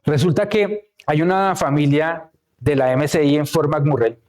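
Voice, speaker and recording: A man's voice: on the high side, a little slow, a little mellow. A male preacher giving a sermon in a conversational way, telling personal stories and checking in with his listeners. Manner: conversational, tells anecdotes, checks in with "¿sí?". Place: church.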